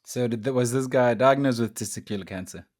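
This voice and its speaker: A man co-hosts a podcast in relaxed, casual conversation. He teases his partner and laughs easily, speaking at a medium pitch. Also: brisk. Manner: teasing, laughs often. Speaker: podcast co-host.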